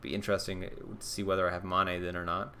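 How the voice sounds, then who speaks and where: A man's voice: low-pitched, little pitch movement, quick pace, sharp tone, slight background noise. A young man streaming live, casually thinking aloud and answering viewer questions with plenty of ums and restarts. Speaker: fantasy football streamer.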